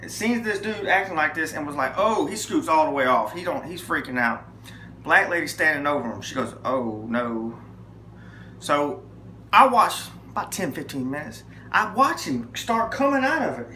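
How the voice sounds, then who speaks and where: Man, lively testimony storytelling, bright voice, echoey room. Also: high-pitched, slight background noise. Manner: emphatic, lively storytelling with acted quotes. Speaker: testimony speaker. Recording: echoey room with faint ambience.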